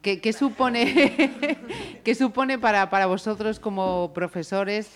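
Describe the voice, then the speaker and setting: A woman's voice: medium pitch, steady tone, slow pace. Encouraging woman radio host. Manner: encouraging, laughs often. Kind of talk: friendly interview.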